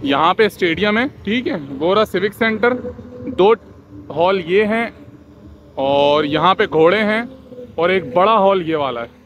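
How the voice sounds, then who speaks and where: Excited man vlogging a busy expo. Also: high voice, a little slow, dull audio, slight background noise. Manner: excited, exclamatory, chatty. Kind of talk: walking tour vlog. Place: busy livestock expo hall. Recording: music playing loudly behind.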